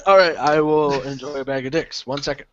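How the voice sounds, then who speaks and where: A man's voice: fairly high pitch, moderate pace, a bit bright, a little hiss or hum. A man chatting casually on a podcast, swearing and laughing as he rambles. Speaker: podcast co-host. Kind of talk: casual chat. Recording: dull lo-fi sound.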